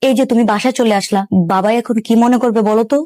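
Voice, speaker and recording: A woman's voice: a little high, steady tone, fast talker, mellow, no echo, clean studio sound, natural voice. An actress playing a young girlfriend who answers defensively and pleads apologies. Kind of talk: Bangla TV drama acting.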